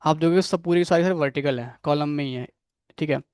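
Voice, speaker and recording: A man's voice: a little high, fast talker, a little mellow, clean tone, no room sound, clean studio sound. A man teaching a coding class, explaining each step and checking in with his students, quizzing them by name. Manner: explains step by step, keeps checking with "theek hai". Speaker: coding instructor.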